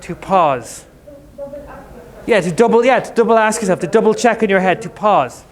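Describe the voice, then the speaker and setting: A male English teacher in a school classroom, explaining words to students with quick, jokey everyday examples. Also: sits high, animated.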